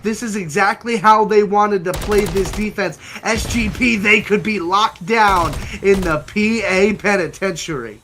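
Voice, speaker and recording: High-voiced young esports caster. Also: male voice, a little hiss or hum. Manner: fast, excited play-by-play with sudden outbursts. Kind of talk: play-by-play commentary.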